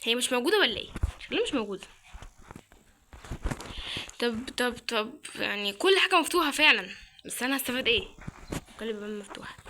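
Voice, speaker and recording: Egyptian woman, young, let's-play commentary, bright tense voice, slightly high. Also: sing-song, quick pace, pauses often, a little hiss or hum. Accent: Egyptian Arabic. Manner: chatty, thinks aloud, startled exclamations. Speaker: gaming channel host.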